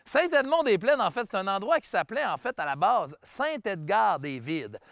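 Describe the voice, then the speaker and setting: Animated Quebec comedy host, gravelly. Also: male voice, high voice, moderate pace, dry recording, studio quality. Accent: Quebec French. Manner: deadpan tall tales. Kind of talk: jokey guided tour, mock reporting.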